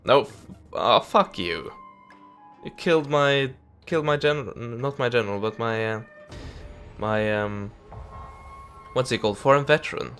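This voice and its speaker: A young gameplay commentator with a stuffy nose chats casually through a let's play of a strategy game, muttering to the game and swearing mildly. His nasal voice is medium-pitched and a bit bright, with lively intonation at a normal speed, over soft background music.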